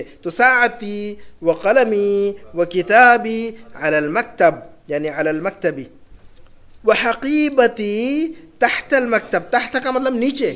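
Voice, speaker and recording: A man teaching an Arabic class with an Urdu accent, slowly repeating each phrase and checking that students understand. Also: extremely high pitch, fairly bright tone. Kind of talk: classroom lesson.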